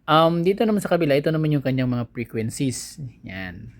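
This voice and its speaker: Speaking a little fast in a sing-song, medium-pitched voice, a Filipino-accented product reviewer unboxes an item on his vlog. He walks his viewers through it informally, one step at a time.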